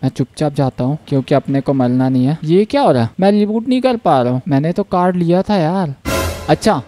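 A man giving playful, jokey gameplay commentary as a gaming channel host, with sudden bursts of yelling. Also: fairly high pitch, animated, brisk, dry recording.

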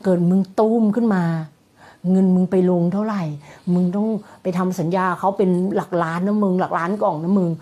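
A woman voicing a sinister female inner demon that taunts with doubts in a low, slow, quiet voice. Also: steady tone, close to an everyday voice. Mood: taunting.

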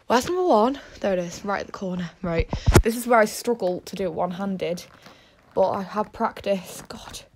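A woman's voice: medium pitch, a bit bright. Young woman, chatty vlogger, rambling and self-deprecating, mid-range voice, faint hiss. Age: young adult. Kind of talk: casual vlog chat. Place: at home, then outdoors.

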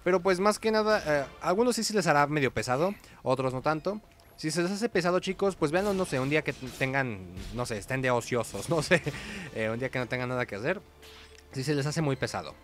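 Hosting a gaming video, a man with a Mexican Spanish accent gives casual, chatty gameplay commentary in informal slang, humming little sound effects as he goes. His voice is a little high, expressive, fairly quick and fairly bright, with faint music behind.

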